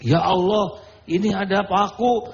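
A man's voice: high-pitched, unhurried, vocal fry, husky. A male preacher gives a sermon, telling jokes and acting out little scenes with quoted voices. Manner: animated, joking storytelling with acted-out quotes. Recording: dull lo-fi recording.

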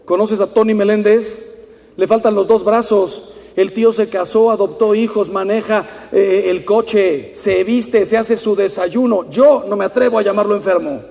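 A Mexican priest in his fifties giving an animated talk, telling anecdotes and acting out the people in them. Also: high-pitched, moderate pace, creaky. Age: 50s. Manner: storytelling, animated, mimics people in quotes. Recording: long hall reverb.

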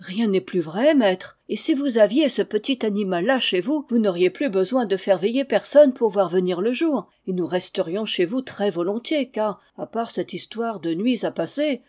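A woman reading aloud and voicing an excited rustic farmhand, speaking in a raised, eager voice. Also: mid-range voice, normal speed, hardly any pauses, lightly acted. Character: excited farmhand, grown man, rustic and talkative.

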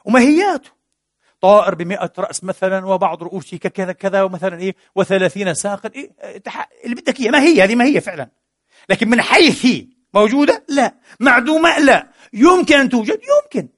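A man's voice: very high voice, expressive, quick pace, fairly bright tone, dry recording, studio quality. A man giving a philosophy lecture, asking questions and answering them himself, mixing formal with colloquial words. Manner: asks and answers his own questions.

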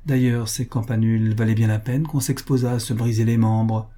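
A man's voice: medium pitch, level tone, moderate pace, warm tone, close to an everyday voice. Ewald, a man reading a mocking young prince. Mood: ironic. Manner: light, mocking tone. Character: proud, ironic young prince.

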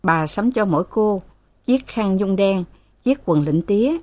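A woman narrating a story in a steady storytelling manner, voicing its characters. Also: medium pitch, measured pace, no echo.

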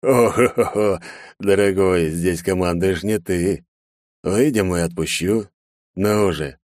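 A sneering, theatrical villain, put on by a male narrator taunts a crowd of hostages. The voice sits higher than the narrator's deep natural tone and swings between loud mockery and drawled asides. The recording is close and dry. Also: slow pace, no echo. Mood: mocking. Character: gloating masked male terrorist leader.

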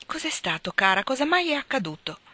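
A woman's voice: high-pitched, sing-song, a little fast, pushed and bright, voice pushed up, exaggerated voice. A woman voicing a kind, mild young husband who coaxes and grows exasperated, read in a storybook. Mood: flustered coaxing. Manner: coaxing, then exasperated.

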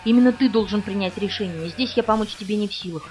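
A woman reading the part of a composed middle-aged male doctor in an audiobook, speaking calmly and evenly. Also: medium pitch, distant mic, faint music behind, natural voice. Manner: calm, measured.

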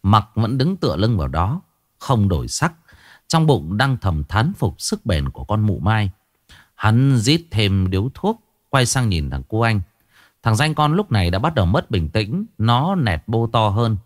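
A man's voice: on the low side, sing-song, unhurried, no room sound, studio quality. A man reading a horror story aloud as a dramatic, vivid storyteller. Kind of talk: scripted horror story narration.

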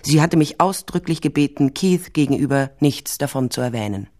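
A woman with a low, dark, animated voice plays the lead and first-person narrator of a crime radio drama: a tall, sardonic private detective and former police officer. Speaking at normal speed, she narrates and talks in a dry, self-possessed way, with a wry, confiding mood.

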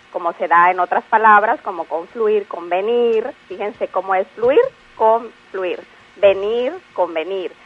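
A woman patiently explaining word usage on a radio language segment, spelling out examples slowly. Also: mid-range voice. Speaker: language expert guest. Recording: phone-like radio line.

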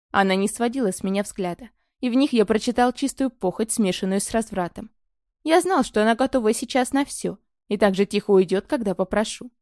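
A woman reading a first-person romance novel aloud in a calm, even storytelling manner on a close mic. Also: on the high side, no room sound. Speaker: audiobook narrator.

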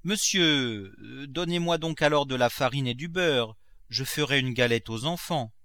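A man's voice: mid-range voice, moderate pace, sharp tone, no echo, studio quality. A man voicing an old countrywoman servant, loyal and stubborn, who talks in a rustic, bold and familiar way. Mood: pleading, protesting. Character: blunt elderly woman servant, loyal and stubborn.

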